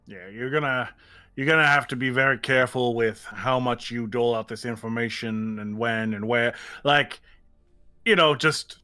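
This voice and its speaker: A man playing a tabletop game in character, excitable and given to loud exclamations. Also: medium pitch, clear, resonant tone. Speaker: player.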